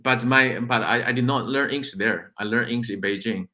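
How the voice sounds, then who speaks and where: This medium-pitched male voice has a sharp tone and moves fairly quickly. The speaker, from China with Chinese as his first language, is a shipping company owner appearing as a guest in a casual interview, walking through his points step by step with fillers and repeated words.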